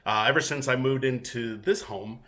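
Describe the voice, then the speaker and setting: Showing off the collection room in his own home, this Mexican man, whose first language is Spanish, chats easily and often fills gaps with pauses. He's the featured guest collector, and his voice is bright and sits at a medium pitch.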